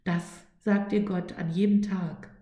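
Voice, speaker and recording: A woman voicing Trust as a gentle, kind figure who speaks softly and reassuringly. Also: medium pitch, fairly even intonation, unhurried, close to an everyday voice. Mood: soothing. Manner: soft, soothing, reassuring. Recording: echoey room.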